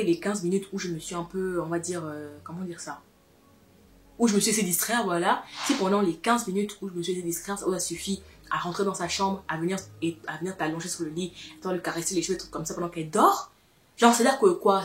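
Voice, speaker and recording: A young woman vlogger telling a personal story to her viewers in a casual, emphatic way, often repeating herself for effect. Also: fairly low pitch.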